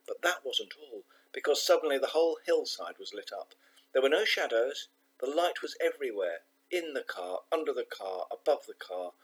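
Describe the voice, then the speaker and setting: A man reading a children's novel aloud, measured and expressive, slowing down for emphasis. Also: mid-range voice, slightly rough, poor audio. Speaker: audiobook narrator. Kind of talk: scripted narration of a children's novel.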